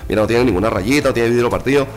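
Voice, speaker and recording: A man's voice: racing, natural voice. A man voicing a casual male friend who lends his axe and fusses that it must come back as it left. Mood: fussy, chummy. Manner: lower, quieter, chummy slangy warnings.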